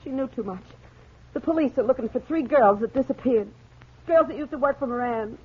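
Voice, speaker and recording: A woman's voice: high-pitched, a little fast, husky. An actress playing a brassy, easily panicked American gangster's girlfriend in a 1940s radio crime drama, talking tough and slangy. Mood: panicky. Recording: muffled, scratchy 1940s radio broadcast.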